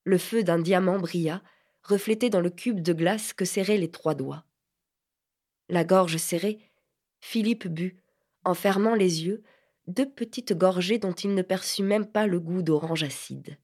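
Woman narrating a literary audiobook. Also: lowish voice. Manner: measured, expressive reading.

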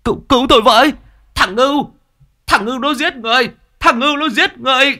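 A man voicing an older village man who yells in anger and screams for help. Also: very high voice, brisk, pitched above the performer's own voice, exaggerated voice. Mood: screaming. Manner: angry shouting, screaming for help. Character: older village man, quarrelsome then panicked.

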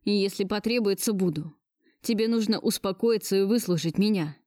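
A woman's voice: mid-range voice, brisk, dark tone, no echo, clean studio sound, close to an everyday voice. A woman voicing a domineering, possessive rich man who barks orders, in her own everyday voice. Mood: commanding. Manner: commanding, barking orders.

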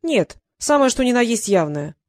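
A woman's voice: on the high side, very animated, moderate pace, a little mellow, dry recording, clean studio sound. A woman voicing a young apprentice wizard boy, hesitant and curious. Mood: uncertain.

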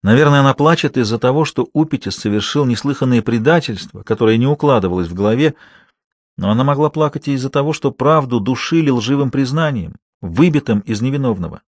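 A man reading a thriller audiobook in a calm, steady, scripted narration. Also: mid-range voice, quick pace, no room sound.

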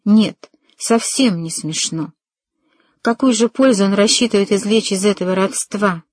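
A woman's voice: mid-range voice, measured pace, a little mellow, dry recording, close to an everyday voice. A woman voicing an earnest, ardent young man in an audiobook, speaking tenderly and resolutely.

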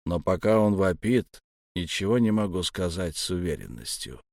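A man voicing a quiet, low dead man. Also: lively intonation, normal speed, vocal fry, no room sound, studio quality. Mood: detached. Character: calm, detached undead male watcher. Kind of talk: audiobook character voice.

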